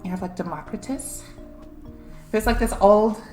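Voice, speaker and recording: A woman's voice: mid-range voice, normal speed, darkish tone. A young woman streamer casually explaining science, laughing often and filling her talk with "like" and "um". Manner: giggly, full of "like" and "um" fillers. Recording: echoey room, faint music behind.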